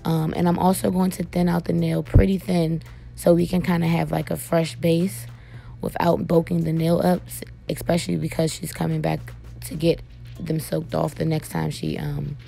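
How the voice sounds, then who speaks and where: Hoarse, gravelly woman explaining nail work. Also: low voice, little pitch movement, moderate pace, mellow, soft background music. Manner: chatty, addresses viewers as "you guys", frequent "um". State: hoarse, voice cracking. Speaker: nail technician and beauty vlogger. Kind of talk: casual tutorial narration to viewers.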